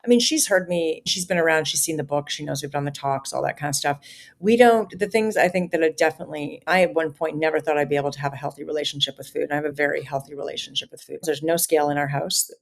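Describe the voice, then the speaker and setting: In a low, gravelly voice, a woman in her fifties talks fast as a podcast guest. She speaks earnestly and casually in long, run-on thoughts during the interview.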